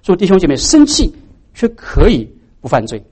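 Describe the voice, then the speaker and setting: Lively, animated male preacher. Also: high-pitched, fairly quick, breathy edge. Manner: preaching with many rhetorical questions to the congregation. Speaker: pastor. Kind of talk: sermon.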